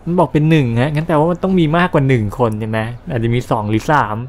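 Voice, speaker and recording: A man's voice: fairly high pitch, lively intonation, fast talker, a little mellow. Chatty, coarse Thai gaming commentator man. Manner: chatty, coarse slang and mild swearing. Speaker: gameplay commentator. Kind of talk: casual let's-play commentary.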